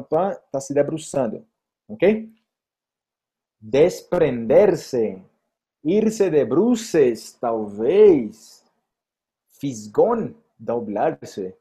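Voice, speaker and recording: A young man with a Brazilian accent, teaching Portuguese vocabulary on a live-stream quiz, chatty and lively, reading out viewers' comments. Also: medium pitch, slightly rough.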